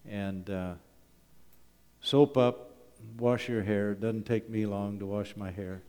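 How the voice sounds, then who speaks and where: This is a folksy slide presentation given in a church hall by a middle-aged or older Canadian man, principal of a wilderness school, who keeps it humorous and conversational and often asks rhetorical questions. He takes it slowly in a steady, low, slightly mellow and smooth voice. The hall echoes with long reverb.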